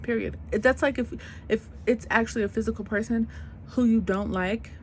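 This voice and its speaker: At a moderate pace, a vlogger in her 20s with a voice on the high side vents without a script, slight background noise behind her. Her speech is casual and full of slang, and she hammers her points bluntly and emphatically, saying them again and again.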